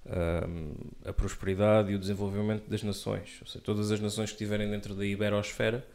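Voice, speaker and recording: A man's voice: on the low side, level tone, brisk, a little mellow. A man co-hosting a casual political chat, delivering wry, sarcastic asides. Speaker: podcast co-host.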